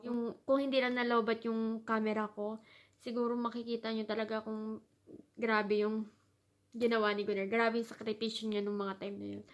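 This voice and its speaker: A young adult woman from the Philippines telling a story in a chatty casual vlog, slipping English phrases in and laughing at herself. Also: on the high side. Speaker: vlogger.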